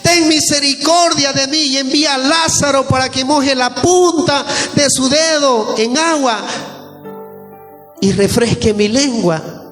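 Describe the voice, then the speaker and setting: A man's voice: high voice, steady tone, a little slow, a little mellow. A preacher voicing a rich man who cries out and pleads in torment, wailing, in an echoey hall with faint music. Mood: begging.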